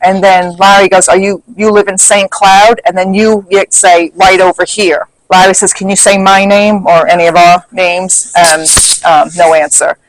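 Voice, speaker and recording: A man's voice: high voice, level tone, moderate pace, hardly any pauses, poor audio. A man recapping a paranormal investigation in casual talk, reading back questions and answers from his notes.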